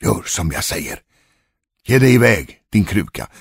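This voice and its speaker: A man voicing a stern, wealthy gentleman who orders his servants about, in a spoken ghost story. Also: lowish voice, sing-song, husky, dry recording, studio quality, heavily acted. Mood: commanding. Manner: curt, commanding. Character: stern rich gentleman, master of the house.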